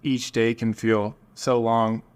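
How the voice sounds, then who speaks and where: Man, 30s, podcast host, mid pitch, loose and rambling, casual chat. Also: flat delivery, slow pace, clean tone. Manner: laid-back, rambling, laughs easily.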